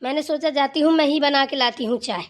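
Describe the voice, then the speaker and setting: A woman's voice: high-pitched, fast, close to an everyday voice. A woman voicing a stern, wise old grandmother in a cartoon who scolds and lectures the family. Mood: scolding. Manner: scolding, then lecturing with advice. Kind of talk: cartoon voice acting.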